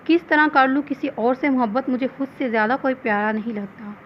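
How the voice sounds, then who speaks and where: A woman's voice: sits high, steady tone, brisk, highs cut off, slight background noise, close to an everyday voice. A woman reading the lines of a cheerful, teasing young woman in a recorded novel. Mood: lively. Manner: playful and teasing.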